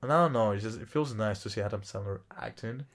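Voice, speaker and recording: Male podcast co-host, lower register, loose rambling delivery, casual swearing. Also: quick pace. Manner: rambling, swears freely, laughs often. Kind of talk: casual chat.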